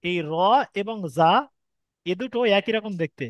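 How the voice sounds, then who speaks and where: Unhurried and high-voiced, a man with a Bengali accent teaches Arabic letter reading in an online Quran lesson, with no room sound. He goes patiently step by step, drawing sounds out to show how they're read.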